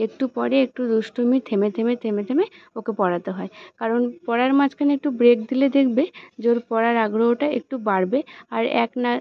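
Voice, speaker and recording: Speaking on the high side with a creaky edge, a young woman walks her viewers through cooking and household chores one step at a time. She chats casually in this vlog from her home kitchen, captured in dull lo-fi home audio.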